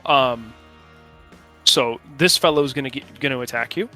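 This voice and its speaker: A man acting as game master, narrating and refereeing a tabletop role-playing game in an informal, halting way. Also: medium pitch, bright, forceful tone, soft background music. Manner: informal, halting while checking rules.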